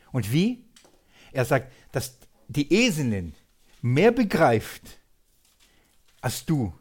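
Lively German preacher teaching a Bible study. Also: male voice, fairly high pitch. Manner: lively, laughing, talks straight to listeners.

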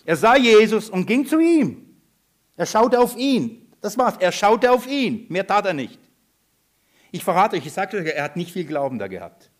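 A man preaching a sermon, animated, throwing questions at the congregation. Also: sits high, normal speed.

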